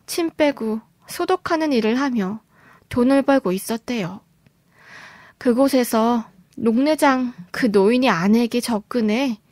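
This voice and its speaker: A woman's voice: a little high, darkish tone, no echo, studio quality. A woman narrating a first-person story for a story-radio show as a scripted, dramatic reading.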